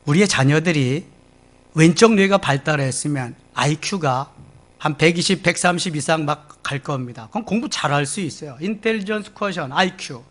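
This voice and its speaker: A middle-aged man preaching a Sunday sermon as pastor, acting out the disciples and scolding in sudden loud bursts. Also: on the high side, moderate pace. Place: church sanctuary.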